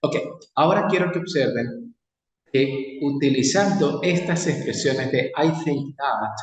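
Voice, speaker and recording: Slow-paced man teaching in an echoey hall. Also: mid-range voice, expressive. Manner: slow, drilled English model phrases. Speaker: English teacher. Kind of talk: classroom lesson. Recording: echoey hall, far from mic.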